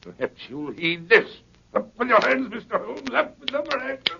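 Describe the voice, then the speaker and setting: An actor playing a menacing criminal mastermind professor, formal and precise, in a muffled, noisy 1930s radio drama. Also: male voice, very high voice, sing-song, normal speed, vocal fry, pushed and bright, full character voice. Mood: threatening. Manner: precise, stately, threatening.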